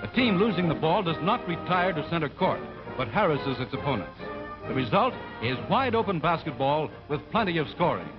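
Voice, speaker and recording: A man's voice: a little high, very animated, brisk. A man giving formal, scripted sports narration on an old 1940s newsreel soundtrack. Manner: formal, announcer-like delivery. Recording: dull lo-fi 1940s film sound with loud music. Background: loud music score.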